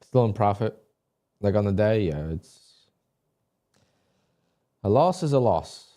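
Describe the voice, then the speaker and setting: A man with a deep, dark voice chats loosely on a live stream while he trades. He talks in a relaxed way, thinking aloud and restarting his sentences as he goes. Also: takes it slowly. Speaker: livestream day trader. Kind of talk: casual live-stream chat.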